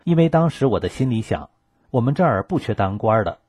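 A man reading a first-person account aloud for a radio program, in a calm, measured storytelling manner. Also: medium pitch, husky, dry recording, clean studio sound. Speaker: radio reader. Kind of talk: scripted first-person narration.

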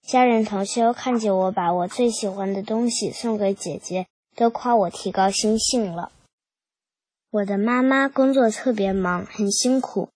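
A woman reads a first-person account aloud, keeping a steady, measured pace. Her voice is slightly breathy and sits in a middle pitch. It is recorded close and dry, with no room sound. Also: dry recording.

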